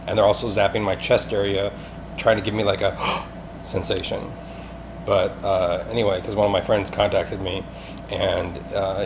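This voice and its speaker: A man with a low voice leaves a rambling, insistent voicemail. Agitated, he repeats himself and swears now and then. The amateur phone recording carries clear, constant noise.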